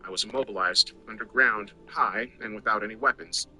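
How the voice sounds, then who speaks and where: A man's voice: lowish voice, a little fast, sharp tone, soft background music, low-quality recording. A man narrating a scripted first-person story in a wry, conversational way.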